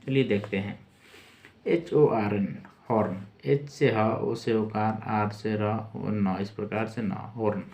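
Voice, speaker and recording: A man teaching English vocabulary in Hindi, spelling each word letter by letter and repeating words slowly. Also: fairly low pitch, fairly even intonation, darkish tone. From India. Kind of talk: slow spelled-out vocabulary lesson.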